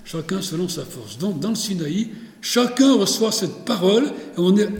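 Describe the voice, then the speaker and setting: Man lecturing, high voice, fillers and restarts, echoey hall with long reverb. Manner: digressive, many fillers and restarts.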